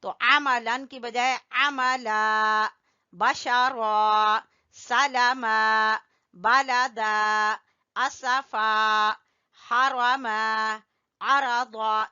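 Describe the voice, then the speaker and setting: A woman teaching Quran recitation, slowly spelling out letters and vowel marks and having learners repeat them after her. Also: fairly high pitch, muffled recording. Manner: corrects learners gently. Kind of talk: slow drilling lesson with call-and-response.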